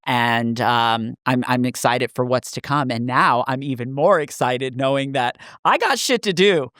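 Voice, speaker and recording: A man's voice: mid-range voice, measured pace, fairly bright tone, no echo, clean studio sound. A man co-hosting a casual podcast, speaking earnestly and emphatically, often repeating phrases for weight. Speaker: podcast co-host.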